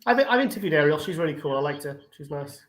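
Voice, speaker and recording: A man from Wales chatting casually as a co-host and tossing out quick opinions. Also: a little high, animated, fairly bright tone. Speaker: co-host commentator. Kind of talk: casual chat. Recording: roomy echo with faint noise.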